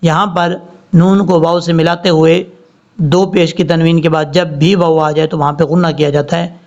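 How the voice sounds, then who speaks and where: A male Quran teacher explaining tajweed rules and reciting each word slowly and drawn out. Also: a little high, level tone, a little mellow. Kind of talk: tajweed lesson with slow recitation. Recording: slightly dull lo-fi audio.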